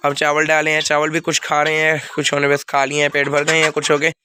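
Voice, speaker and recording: A man's voice: on the high side, monotone, fast talker, sharp tone, clear, resonant tone. A young man with a Pakistani Urdu accent, feeling feverish and unwell, rambling casually to viewers while feeding his birds in a vlog. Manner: plain, rambling talk to viewers. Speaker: vlogger keeping birds. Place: outdoor rooftop bird enclosure. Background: chickens and birds clucking.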